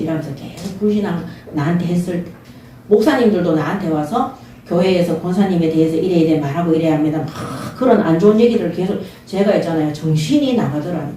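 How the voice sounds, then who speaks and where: A woman's voice: on the low side, mellow, slight background noise. Woman preaching in a very echoey church. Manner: earnest, repeats short calls for attention. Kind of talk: sermon with Bible reading. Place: church sanctuary. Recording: very echoey, mic at a distance.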